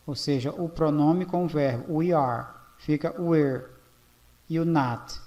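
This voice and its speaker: A man from Brazil walks through a grammar lesson at a board. His voice sits a little high and he speaks slowly, checking in with "ok?" again and again. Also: dark tone, dull audio. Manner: slow, repeats "ok?" often. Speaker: English teacher.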